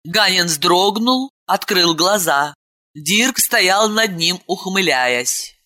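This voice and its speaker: A woman narrating an audiobook fantasy story with slow, expressive storytelling. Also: fairly low pitch. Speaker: audiobook reader. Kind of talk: scripted narration.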